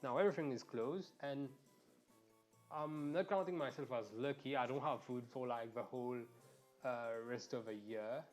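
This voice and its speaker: A young male streamer chats loosely with viewers during a live game stream, hopping between topics and swearing freely. His middle-pitched voice comes at a moderate pace through a quiet, low-level earphone mic, with faint game music behind.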